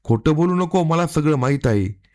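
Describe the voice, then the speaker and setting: A man's voice: fairly high pitch, lively intonation, normal speed, close to an everyday voice. A man voicing an angry young wife who hurls accusations, in a narrated crime story. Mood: accusing. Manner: shouting accusations.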